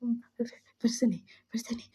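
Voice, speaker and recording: A woman's voice: medium pitch, fairly even intonation, normal speed, warm tone, slightly rough. A woman voicing a panicking young man in pain, with frantic, breathless repeated cries. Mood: panicked pleading.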